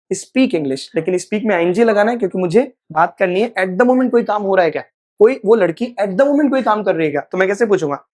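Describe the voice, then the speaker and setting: Male teacher drilling phrases slowly. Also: high voice. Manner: repeats example sentences slowly and deliberately. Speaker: spoken English teacher. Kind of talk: live online class explanation.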